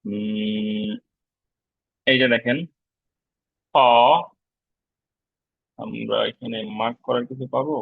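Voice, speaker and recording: Man, online lesson, relaxed explainer, frequent fillers, lo-fi, dry. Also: medium pitch, measured pace, gravelly, slightly rough, dry recording. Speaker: English teacher. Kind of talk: online lecture on pronunciation. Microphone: video call.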